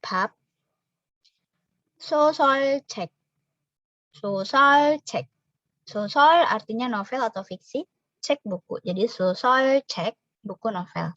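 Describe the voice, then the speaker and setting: A woman teaching a recorded language lesson, slowly and patiently explaining pronunciation and repeating example words. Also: mid-range voice, animated, fairly bright tone, dry recording. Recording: dry, slightly dull voice recording.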